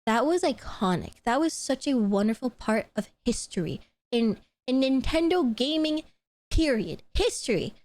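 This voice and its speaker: A woman streamer in casual chat, excitable and gushing, with squealing laughs and free swearing. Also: a little high, normal speed, no room sound.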